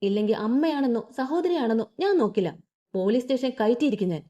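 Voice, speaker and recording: A woman's voice: a little high, expressive, quick pace, mellow, highs cut off, natural voice. Woman voicing a furious young husband. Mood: threatening. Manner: harsh, threatening, clipped.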